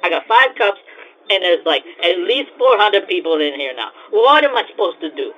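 An actor playing a flustered cocoa-house owner who rants in exasperated, broken grammar and keeps repeating himself. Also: male voice, high voice, sing-song, moderate pace, dull audio. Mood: fretting. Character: flustered male cocoa-house owner, frantic, put-upon.

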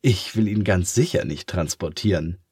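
A man voicing a fussy, disdainful pencil case in a low voice for a storybook. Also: normal speed, a little mellow, husky, no echo, clean studio sound.

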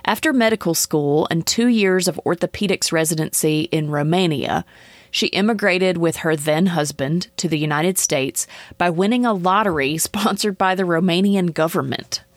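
Woman host, lowish voice, earnest and encouraging, dry close sound. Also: normal speed, dry recording. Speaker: podcast host. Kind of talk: interview host, reading an introduction.

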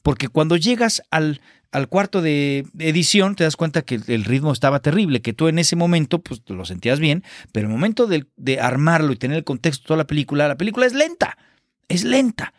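A man's voice: on the high side, animated, a little fast, no echo, studio quality. Exasperated man reviewing a film. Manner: exasperated, sarcastic, colloquial. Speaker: film critic. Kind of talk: casual spoken film review.

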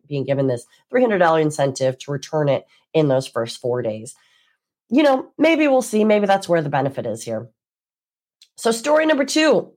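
A woman's voice: lowish voice, a little mellow. A woman with a congested, stuffy-nosed voice, hosting a weekly news breakdown as an attorney in a conversational, emphatic way. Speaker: host, maritime attorney.

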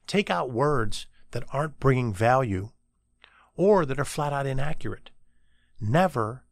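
A middle-aged man who hosts a podcast and runs an agency as CEO tells a story casually and conversationally, with fillers and asides. His voice is medium-pitched, and the recording is clean studio sound with no echo.

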